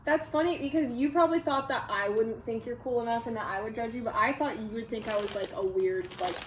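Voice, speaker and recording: High-voiced young woman chatting, roomy noisy recording. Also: quick pace. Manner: filler-heavy, slangy conversational talk with frequent "like". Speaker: vlogger in a food Q&A video with a friend. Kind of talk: casual chat. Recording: roomy, distant mic, clear background noise.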